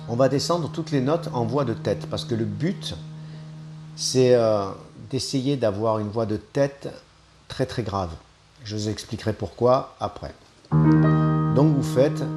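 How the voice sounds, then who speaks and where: A man giving a singing lesson, explaining vocal technique step by step and tagging his points with little asides. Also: on the low side. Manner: explanatory, with frequent "hein" tags. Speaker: singing teacher.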